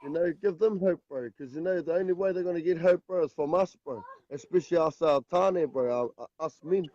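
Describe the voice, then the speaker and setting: A man with a broad New Zealand accent speaks in a fairly high, soft-toned voice. He is casual and earnest, like a guest caller giving encouragement. The audio is dry and somewhat dull. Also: fairly quick, dry recording. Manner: repeatedly punctuates phrases with "bro". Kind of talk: casual, earnest motivational talk.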